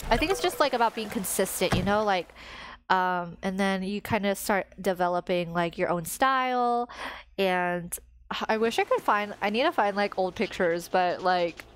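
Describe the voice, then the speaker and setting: A young woman in her twenties, a native Tagalog speaker, streams from her bedroom on a headset, chatting rambly with many fillers while playing a life-sim game as its music plays behind her. Her medium-pitched voice is animated and moderately paced, with a little hiss or hum.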